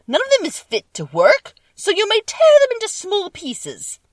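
A woman's voice: very high voice, wildly swooping pitch, normal speed, dry recording, clean studio sound, far from the mic, pitched above the performer's own voice, exaggerated voice. A woman voicing a wicked, fierce witch from a storybook, giving menacing, commanding orders. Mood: scornful, cruel.

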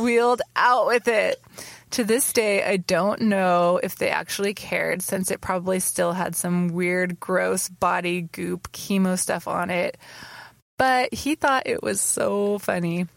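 A woman's voice: mid-range voice, a little slow, gravelly, dry recording. A woman co-hosting a casual podcast, reading listener letters aloud with frequent laughs and blunt, swearing asides. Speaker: podcast co-host.

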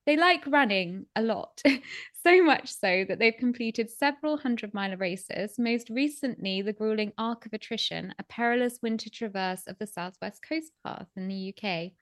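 A woman hosting a podcast, reading a scripted introduction in a measured, formal way. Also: a little high, animated, no echo, clean studio sound. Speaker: podcast host.

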